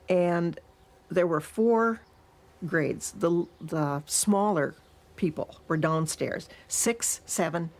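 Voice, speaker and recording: Slow-speaking older Midwestern woman. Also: sits low. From Minnesota, USA. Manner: slow, reflective storytelling. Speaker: retired teacher. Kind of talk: recalled life story interview.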